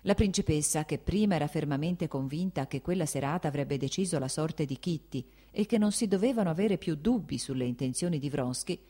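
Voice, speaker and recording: A woman narrating a literary audiobook in a measured, even manner. Her voice sits fairly low for a woman.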